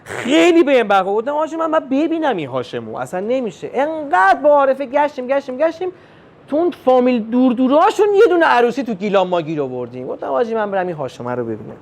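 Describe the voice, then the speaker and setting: A young man performing a stand-up comedy routine, telling family stories and acting out the dialogue in an animated way. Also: extremely high pitch. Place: comedy club stage with live audience.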